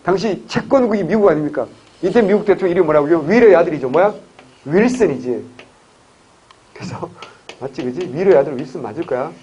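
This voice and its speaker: Man, history lecturer, rapid delivery, raised pitch, quizzes his class with jokes. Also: animated, dark tone, breathy edge, dull audio. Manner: joking, asks the class quick questions. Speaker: civil service exam history lecturer.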